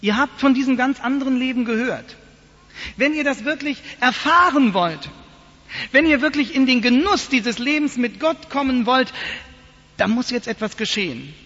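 High-voiced preacher in a reverberant church. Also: male voice, normal speed. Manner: animated storytelling preacher. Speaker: pastor. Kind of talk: sermon. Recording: dull lo-fi sound, long church reverb.

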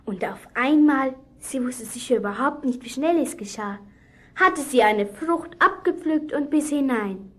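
A woman's voice: high voice, expressive, measured pace. A woman acting a young girl in a children's radio play, earnestly retelling a Bible story to a boy.

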